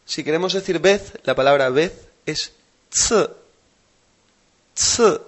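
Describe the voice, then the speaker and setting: Man, somewhat high voice, patient teacher, repeats words. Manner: explains slowly and patiently, repeats words for practice. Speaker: language teacher and podcast host. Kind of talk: language lesson podcast.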